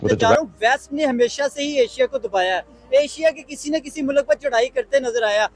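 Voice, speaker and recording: A man's voice: very high voice, brisk. A man from Pakistan giving forthright, argumentative commentary on a talk show. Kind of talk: opinionated commentary.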